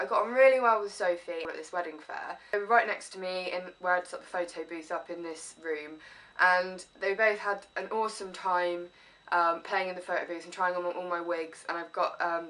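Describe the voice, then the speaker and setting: With a head cold clogging her nose, an English woman vlogs a chatty haul from a room at home, rambling eagerly and poking fun at herself. Her voice is fairly low, bright and pushed, picked up slightly off-mic with a bit of background noise.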